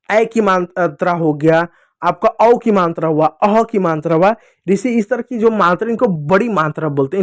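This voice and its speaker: Male teacher, higher register, dry recording; patient reading lesson for kids, stretches out each sound. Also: dry recording. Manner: repeats sounds slowly, asks and answers own questions.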